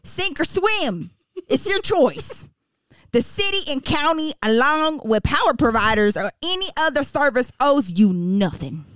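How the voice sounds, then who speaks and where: A woman voicing a blunt, harsh male small-town mayor in a put-on Texan accent, lecturing slowly and sternly. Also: high-pitched, sing-song, a bit bright, no room sound, studio quality, pitched above the performer's own voice, heavily acted. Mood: scornful.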